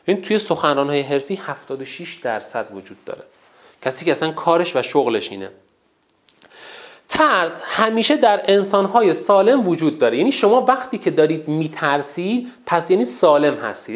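A teacher giving a colloquial lecture in a public speaking course, asking rhetorical questions and repeating points for emphasis. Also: mid-range voice. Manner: animated, asks rhetorical questions to the listeners.

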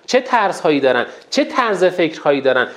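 A medium-pitched teacher lectures colloquially in a public speaking course, animated throughout. He keeps putting rhetorical questions to the listeners and repeats his points to emphasize them.

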